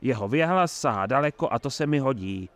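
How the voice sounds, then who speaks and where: Here the older, scheming town mayor comes through a mid-range voice that is expressive, a touch bright, and lightly acted. He's hearty and sly, chattering effusively with a crafty air.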